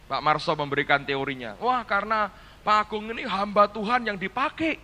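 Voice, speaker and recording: A male pastor preaching a sermon, telling a story with quoted dialogue and addressing the congregation directly, his delivery swinging between hushed asides and loud exclamations. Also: sits high, animated, brisk. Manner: storytelling with quoted dialogue, calls the audience "saudara". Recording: echoey hall sermon recording.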